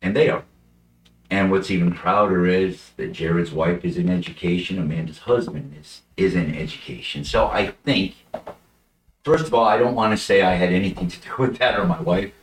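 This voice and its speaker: A man's voice: low voice, normal speed, recorded from a distance, slight background noise. Emotional middle-aged man telling his story, echoey. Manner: animated, acts out quoted voices, gets emotional. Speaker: political candidate and middle school teacher.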